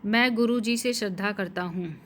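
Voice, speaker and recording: A woman teaching Hindi spelling and grammar, slowly repeating each word and correct sentence and spelling out the vowel marks. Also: medium pitch, a little hiss or hum. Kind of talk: slow dictation-style lesson.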